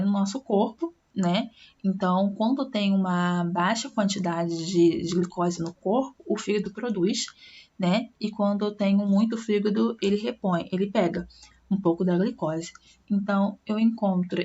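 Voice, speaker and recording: A woman's voice: medium pitch, darkish tone, lo-fi sound. A woman with a Brazilian Portuguese accent, a science teacher giving a recorded online class and explaining step by step with frequent tag questions.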